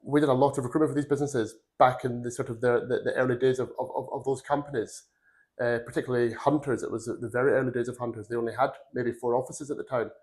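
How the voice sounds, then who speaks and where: A man's voice: medium pitch, fairly even intonation, quick pace, darkish tone. Man in his forties from Glasgow. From Glasgow, Scotland. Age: 40s. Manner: rambling, earnest storytelling. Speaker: podcast guest, recruitment firm founder. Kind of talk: casual career interview.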